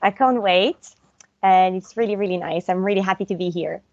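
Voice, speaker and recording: A woman's voice: mid-range voice, a little fast, a little mellow, dry recording, lo-fi sound. A young woman from France who grew up in Brussels, a guest speaking from home in a casual interview, chatty with frequent fillers and laughter. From born in France, raised in Brussels. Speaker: guest, actress and director.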